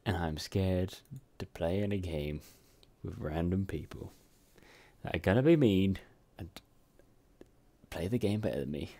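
A man's voice: low-pitched, a little slow, pauses often, warm tone. A man giving casual, sweary, nervous commentary on his own gameplay. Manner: nervous, sweary, chatty self-talk. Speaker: gamer.

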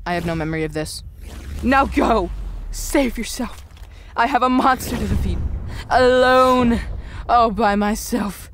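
A woman's voice: on the high side, a little slow, long pauses, a little hiss or hum, lightly acted. A woman playing a stubborn, self-important young superhero loner in a children's audio drama. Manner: dramatic, shouting sound-effect words. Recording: voice under loud music.

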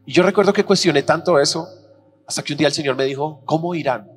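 A man preaching a sermon as pastor, telling personal stories animatedly and acting out the dialogue with shifting pitch. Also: quick pace, fairly bright tone, faint music behind. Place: church auditorium. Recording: reverberant church hall with faint hum.

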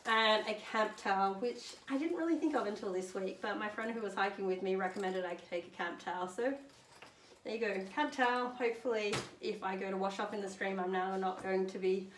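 Standing well back from a camera a few metres away in her living room, a young hiker presents her gear, lifting items as she talks. She is chatty and upbeat with plenty of "um"s, speaking a little fast in a mid-range voice. The distant mic gives a roomy sound and faint hiss.

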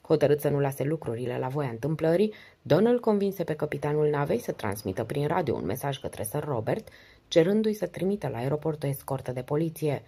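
A woman narrating an audiobook in a steady, measured way. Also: deep voice, husky.

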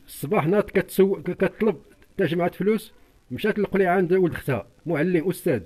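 In a distressed eyewitness interview, an older Moroccan-accented man pleads urgently and repeats himself. He speaks fast in a high-pitched, slightly mellow voice.

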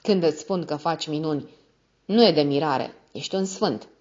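A woman's voice: low-pitched, darkish tone, lo-fi sound. A woman reading the part of a sly, hypocritical older woman who speaks sweetly and mockingly. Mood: sweetly teasing.

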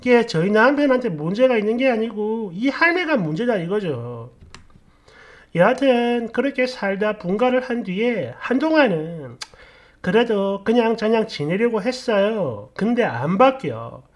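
Woman storyteller, casual narration, blunt and sarcastic, pitch swinging up and down a lot. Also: very animated, measured pace.

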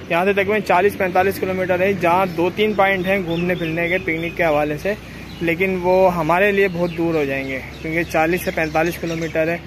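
Young man, chatty vlogger, talks straight to viewers, outdoors, lapel mic, slightly high voice. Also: a little hiss or hum. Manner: chatty, addresses viewers directly. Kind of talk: casual travel vlog. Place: outdoors under trees, then riding a motorbike on dusty rural roads. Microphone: clip-on lapel mic.

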